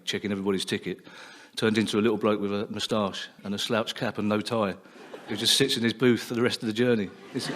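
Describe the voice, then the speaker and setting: A man on a comedy panel, telling anecdotes in a deadpan way. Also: on the low side. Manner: deadpan storytelling. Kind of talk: comic anecdotes. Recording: background noise.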